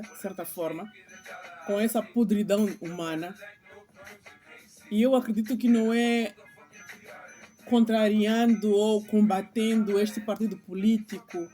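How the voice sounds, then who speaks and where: A woman's voice: a little high, dark tone. A middle-aged woman with a slight lisp, hosting a spiritual vlog off the cuff in an earnest, preaching manner full of rhetorical questions. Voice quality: slight lisp, tongue-tied speech. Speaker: channel host.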